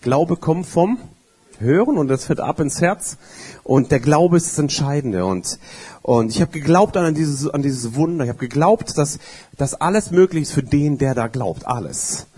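Husky-voiced emphatic male preacher. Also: on the high side, animated, moderate pace. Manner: emphatic, repeats key phrases, swings between loud and quiet. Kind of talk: sermon.

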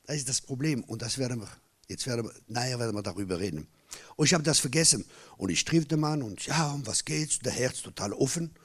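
Husky-voiced preacher with emphatic repetitions. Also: male voice, animated, fast talker. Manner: emphatic preaching, swings between loud bursts and low, hushed asides; repeats key phrases for emphasis. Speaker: pastor. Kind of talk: sermon.

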